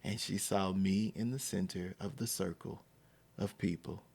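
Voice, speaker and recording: A man's voice: deep voice, a little slow, vocal fry, slightly rough. A man hosting a podcast, telling a personal story and acting out the quotes. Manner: animated, acts out quotes. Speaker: podcast host.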